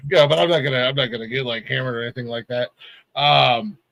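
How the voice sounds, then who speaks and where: A man in his forties hosts a music podcast, chatting casually and rambling with stammers and laughter. His mid-range voice is gravelly with a fairly bright tone, and he talks fast.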